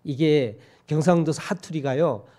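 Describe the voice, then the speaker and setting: Preaching a sermon in the church sanctuary, a male pastor from Korea's Gyeongsang region speaks with a slightly high, mellow voice at a measured pace. He jokes in a folksy way and repeatedly puts questions to the congregation.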